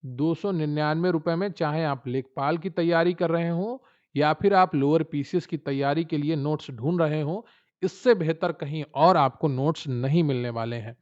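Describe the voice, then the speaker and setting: A man with a somewhat high voice gives an exam-prep lesson and keeps coaxing viewers to sign up for his notes. He talks straight to the audience in a persuasive promotional tone. The audio sounds dull and lo-fi. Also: moderate pace, a little mellow. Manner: persuasive, addresses viewers directly.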